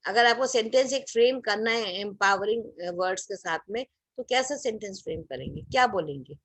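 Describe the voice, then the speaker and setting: A woman's voice: medium pitch, a little fast, no echo. A woman leading an online group class over a video call, explaining with everyday examples and putting questions to her group. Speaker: teacher leading a group session. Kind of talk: interactive online class talk.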